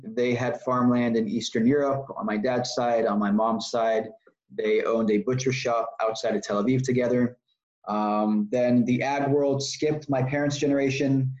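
A man's voice: mid-range voice, a little mellow. A man from Texas, a startup founder being interviewed, explaining at length with fillers and self-corrections. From Texas, United States. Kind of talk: conversational interview answers. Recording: dull lo-fi sound.

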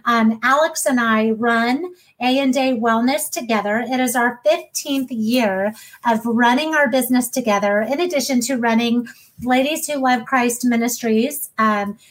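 A woman in her thirties hosting a podcast in an enthusiastic, warm way, with frequent ums. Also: on the high side, measured pace, rough recording. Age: 30s. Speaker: podcast host. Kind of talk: casual podcast talk.

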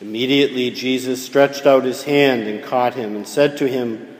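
A man preaching as a priest, reading the gospel and giving a homily in a slow, measured way with casual fillers, heard with cathedral echo. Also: medium pitch, fairly even intonation. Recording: cathedral echo with long reverb.

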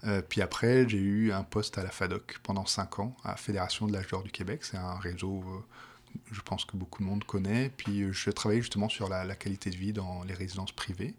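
With a deep voice, steady tone, and brisk pace, a middle-aged man from Paris describes his work as project manager for a provincial health plan. The interview answer is hesitant and full of restarts, delivered in a Parisian French accent.

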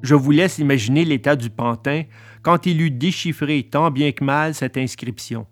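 A woman narrating a storybook reading in an expressive, animated way. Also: low-pitched, moderate pace, soft background music.

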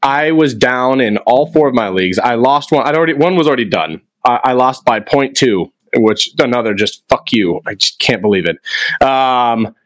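A man's voice: mid-range voice, animated, moderate pace, no echo. A young man co-hosting a fantasy football podcast, ranting and swearing in casual chat. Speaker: podcast co-host.

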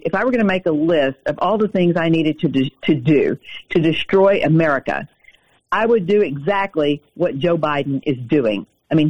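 A man running for the U.S. Senate, heard over the phone in an interview and making his case in an urgent, emphatic way. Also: a little high. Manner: urgent, emphatic campaign talk. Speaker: U.S. Senate candidate. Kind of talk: political interview. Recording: dull, lo-fi phone line.

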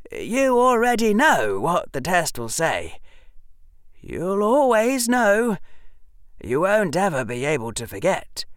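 Reader doing a lecturing young wizard boy, storybook, high voice, lively swoops, slow and deliberate. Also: dry recording, clean studio sound. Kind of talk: audiobook character reading.

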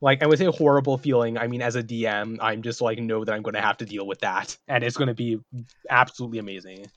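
Man, podcast game master, lively storyteller, mid voice, dry close sound. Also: mid-range voice, fast, no echo, highs cut off. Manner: animated, acts out characters while telling stories.

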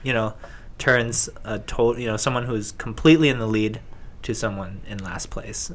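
A man's voice: lowish voice, normal speed. A man speaking as a guest in a casual, improvised way, often searching for his words. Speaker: guest pitching game ideas. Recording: clear background noise.

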